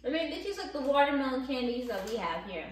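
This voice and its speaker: A woman in a relaxed snack-tasting chat, her lively, higher voice muffled by candy she's eating as she talks. She sounds distant and echoey, caught from across a bare room. Faint music plays behind her. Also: fast. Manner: chatty, reacts aloud to tastes. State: eating candy while talking. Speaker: co-host.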